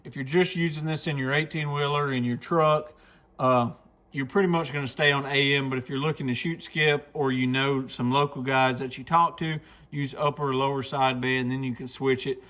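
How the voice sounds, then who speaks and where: In a casual, folksy walkthrough, a man who owns a radio shop demonstrates a product indoors, explaining it plainly step by step. His mid-range voice is a bit bright, with a steady tone and moderate pace.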